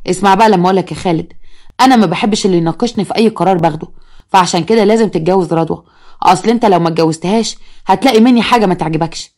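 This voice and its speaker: A woman's voice: lowish voice, very fast, darkish tone, close to an everyday voice. A woman doing a stern Egyptian father. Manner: curt and commanding. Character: stern middle-aged father, domineering.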